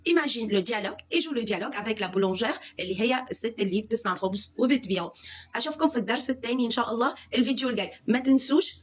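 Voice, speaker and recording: A woman teaching French to Arabic speakers with an Egyptian accent, explaining slowly and repeating words. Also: on the high side, lively intonation, slightly rough. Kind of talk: language lesson, switching between French and Egyptian Arabic.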